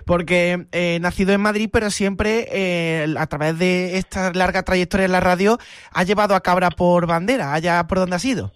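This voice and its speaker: Radio host man, high-pitched voice, formal announcer delivery. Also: fairly even intonation, moderate pace, dry recording, clean studio sound. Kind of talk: radio interview.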